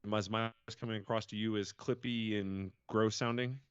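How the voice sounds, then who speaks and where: A man's voice: lowish voice, fairly even intonation, moderate pace, clear, resonant tone, no echo. Man, sports co-host, choppy clipping call audio, dull lo-fi sound, dry. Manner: apologetic while troubleshooting. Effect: choppy, clipping internet call audio. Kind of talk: casual sports chat. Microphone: remote internet call.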